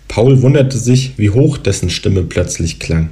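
Calm man reading a novel aloud. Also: on the low side, a little slow. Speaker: author reading his novel. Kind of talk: literary reading.

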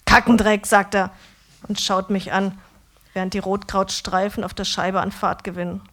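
A woman reading a comic story aloud to listeners. She keeps her narration dry and matter-of-fact, at an ordinary middle pitch. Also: flat delivery, moderate pace, a bit bright.

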